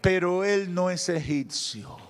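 Fervent high-voiced Dominican pastor preaching. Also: male voice, animated. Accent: Dominican Spanish. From Dominican Republic. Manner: fervent preaching, swings from loud declarations to slow hushed lines. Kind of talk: sermon. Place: large church stage. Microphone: handheld microphone at a pulpit.

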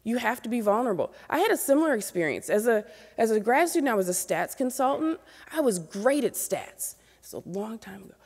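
A woman's voice: a little high, sing-song, fairly quick, a little mellow, slightly rough. A woman in her forties giving an earnest keynote lecture from a podium microphone on an auditorium stage, speaking directly to new graduate students. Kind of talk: motivational lecture. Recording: long reverb of a large hall.

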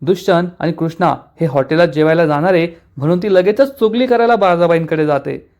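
A man retelling a TV serial episode in a casual way, quoting each character's lines with lively emphasis. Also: a little high, fairly quick, muffled recording.

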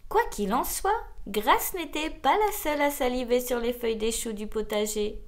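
A woman reading a children's picture book aloud in a slow, theatrical way. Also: on the high side. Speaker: storybook reader.

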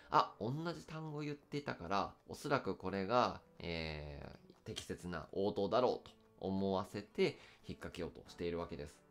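Low-voiced man teaching English test answers. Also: a bit bright. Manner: slow careful English readouts, frequent fillers. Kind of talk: explaining test questions.

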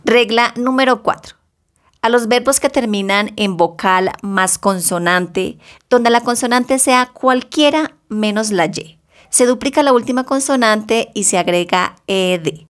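A woman teaching English grammar, slowly reading bilingual example sentences with careful pronunciation. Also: a little high. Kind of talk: slow bilingual grammar lesson.

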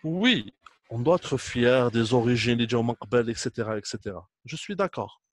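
In a clean, dry studio recording, a trainer in his thirties with an Algerian accent talks informally to his students on camera, switching between French and Arabic. His medium-pitched voice is expressive and moves at a normal speed, and he's emphatic and repetitive.

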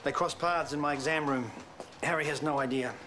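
A man's voice: on the high side, fairly even intonation, fairly quick, noisy background, lightly acted. An actor plays an earnest, careful father in a TV soap. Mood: guarded. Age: 40s. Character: earnest middle-aged father, careful and gentle. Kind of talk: naturalistic TV soap acting.

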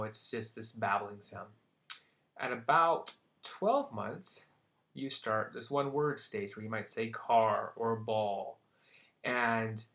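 A man's voice: mid-range voice, a bit bright. A young man teaching psychology terms in a casual recorded lecture, checking in often and making light jokes. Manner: casual, checks in with "right?" and "okay?"; light joking asides.

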